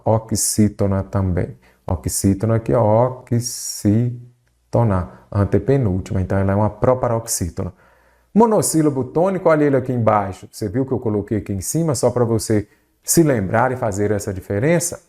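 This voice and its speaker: A man's voice: mid-range voice, dark tone. A man with a Brazilian Portuguese accent teaching an exam-prep grammar lesson, explaining patiently and checking in often with his students.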